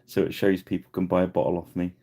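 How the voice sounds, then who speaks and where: A man's voice: monotone, fast, warm tone. A man hosting a live miniature painting tutorial, chatting casually and laughing at himself as he works. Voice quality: deep gravelly voice. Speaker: miniature painting livestream host.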